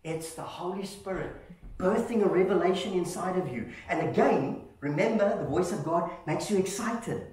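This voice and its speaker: A man preaching a sermon to his congregation, lively and animated, often calling them "family" and asking "Amen?". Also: high-pitched, moderate pace. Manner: animated, calls listeners "family" and checks in with "Amen?". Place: church hall. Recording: echoey hall, voice from far off.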